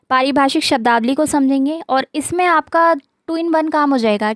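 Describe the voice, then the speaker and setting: A woman's voice: sits high, no room sound. A woman giving an online exam-prep lesson, reading out word lists and their meanings, often checking in with "theek hai". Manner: reads terms aloud, mixes English words into Hindi. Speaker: teacher.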